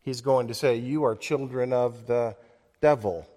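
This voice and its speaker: A man delivering a sermon as pastor, earnest and measured, slowing down to stress key words and reading scripture aloud. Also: mid-range voice, mellow. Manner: earnest, measured preaching with slowed emphasis and quoted scripture. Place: church. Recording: long church reverb.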